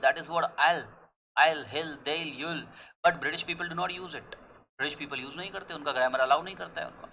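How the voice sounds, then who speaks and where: A young man with an Indian accent teaching an English pronunciation lesson. He mixes Hindi and English, saying the English slowly and deliberately and rushing through the Hindi, and he asks questions and answers them himself. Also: on the high side, bright, forceful tone, a little hiss or hum, poor audio. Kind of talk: classroom lesson.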